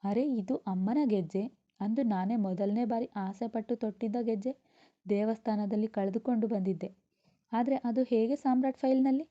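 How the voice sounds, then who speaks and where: A woman's voice: mid-range voice, highs cut off, natural voice. A woman voicing a tearful, emotional young heroine who speaks in rising exclamations.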